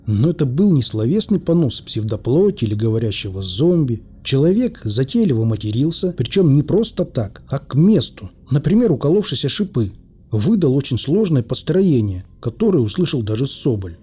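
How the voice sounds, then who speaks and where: A man's voice: mid-range voice, very animated, moderate pace, warm tone, slightly rough. A man reading an audiobook aloud in a conversational, wry storytelling manner. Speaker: audiobook reader. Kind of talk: expressive audiobook narration.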